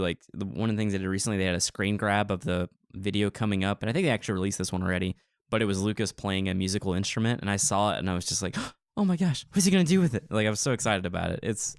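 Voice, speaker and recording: Gravelly excitable podcast host, dry sound. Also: male voice, lowish voice, very fast, no room sound. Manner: excitable, playful teasing. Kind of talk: casual chat.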